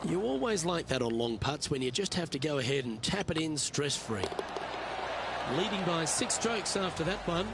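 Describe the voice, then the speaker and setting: A man voicing a measured, appreciative golf commentator in a video game, calling play as the lead announcer. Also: a little high, sing-song, vocal fry, heavy background noise. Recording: game music and crowd behind the voice.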